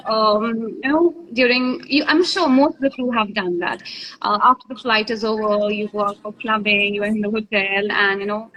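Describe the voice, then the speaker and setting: A woman's voice: mid-range voice, steady tone, normal speed, sharp tone, lo-fi sound, slight background noise. A woman, an aviation trainer chatting as a guest on a live stream, often laughing as she tells stories. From India. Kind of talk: casual live-stream chat.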